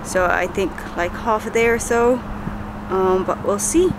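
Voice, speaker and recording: A woman vlogging casually about her sailboat project, relaxed and hesitant with fillers. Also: mid-range voice, measured pace, noisy background. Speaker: sailing vlogger. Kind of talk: casual vlog narration.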